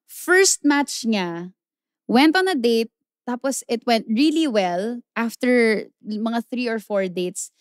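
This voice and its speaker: A Filipino woman with a high voice chats casually, slipping back and forth between Tagalog and English. Her pitch swings widely as she jokes and grumbles in mock exasperation. The sound is dry and close. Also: takes it slowly, clean tone, no room sound. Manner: playfully exasperated, expressive, joking. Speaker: podcast co-host.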